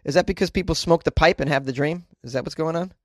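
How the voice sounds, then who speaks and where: Joking higher-voiced man hosting a podcast. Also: fast, no room sound, clean studio sound. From Boston, United States. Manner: joking, self-deprecating, profane asides. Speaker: podcast host. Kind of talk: casual, rambling podcast outro. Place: small closet, indoors.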